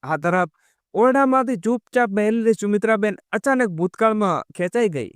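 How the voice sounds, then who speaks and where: A man narrating a moral story in a steady, scripted way, addressing his listeners as friends. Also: high-pitched, normal speed, clean tone, no room sound, clean studio sound.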